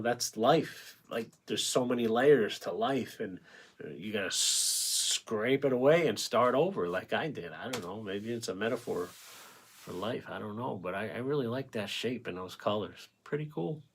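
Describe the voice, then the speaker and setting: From a home painting setup with a ring light, a man hosts a casual livestream, rambling, answering chat aloud and thanking viewers by name. His mid-range voice is animated at a normal speed but going a bit hoarse from talking so long.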